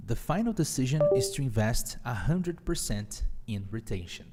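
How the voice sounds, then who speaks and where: A Brazilian Portuguese-accented English teacher and podcast host runs a live online English lesson, upbeat and teacherly, mixing English phrases into his explanations. His mid-range voice swings widely in pitch at a measured pace, and he sounds like he's in a large hall.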